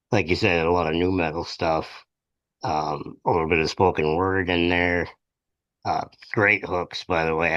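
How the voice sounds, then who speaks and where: A man hosting an interview, talking in a relaxed, hesitant way with many ums. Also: deep voice, no echo. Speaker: podcast host. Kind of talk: casual interview. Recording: dull dry lo-fi sound.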